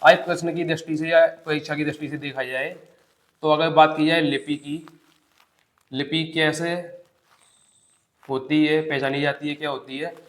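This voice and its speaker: A man teaching a Hindi grammar lesson for exam preparation, explaining step by step, repeating definitions, asking the class rhetorical questions and drawing out example words slowly. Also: on the high side, flat delivery. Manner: addresses students as "bhai". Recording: echoey classroom sound.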